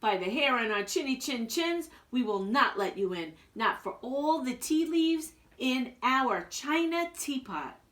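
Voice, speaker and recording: A woman's voice: high voice, animated, measured pace, hardly any pauses, a bit bright. A woman voicing small, frightened but defiant little wolves in a storybook, with emphatic, chanting delivery.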